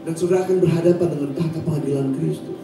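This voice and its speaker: A high-voiced male preacher with a Sundanese accent, rousing his flock and pressing them for amens. He is heard from a distance in a cavernous, echoing church hall, with music playing underneath. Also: fairly even intonation, very fast. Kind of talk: sermon. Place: church service.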